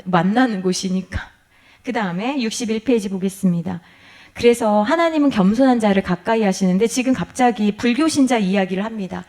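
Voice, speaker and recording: Woman pastor, sermon lecture, rhetorical questions, very animated pitch. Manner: animated, asks the congregation questions and acts out quoted complaints.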